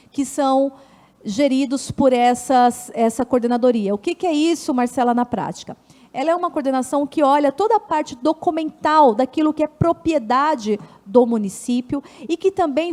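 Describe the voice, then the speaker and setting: A woman's voice: a little high, a little mellow. A woman with a Brazilian Portuguese accent, an official giving an online seminar talk. She explains step by step, often corrects herself mid-sentence, and poses questions to herself before answering them. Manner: frequent restarts and self-corrections. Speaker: public administration official presenting her department.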